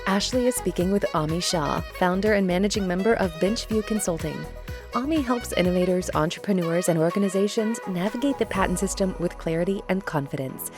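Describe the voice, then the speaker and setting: A woman reading a scripted podcast introduction in a smooth, polished way. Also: medium pitch. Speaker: podcast announcer. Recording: intro with music underneath.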